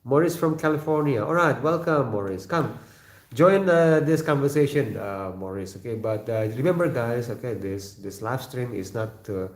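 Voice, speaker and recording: Speaking English as a second language with an Indonesian accent, this man hosts a casual livestream and reads out viewer comments haltingly, repeating words, using fillers and often clearing his throat. His voice sits in the mid-range with lively intonation, and the room is echoey.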